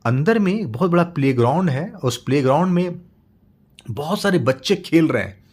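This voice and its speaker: A man's voice: on the high side, lively intonation, moderate pace, a little mellow, slightly rough. A middle-aged man telling a motivational story off the cuff, with fillers and repeated words. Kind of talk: casual spoken story narration.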